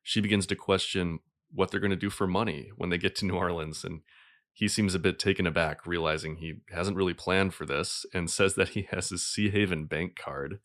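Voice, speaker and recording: A man's voice: low voice, fairly even intonation, brisk, fairly bright tone. A man co-hosting a podcast, talking enthusiastically about a film scene and leaning on "like". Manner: enthusiastic, leans on "like". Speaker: podcast co-host. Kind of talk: casual film breakdown chat.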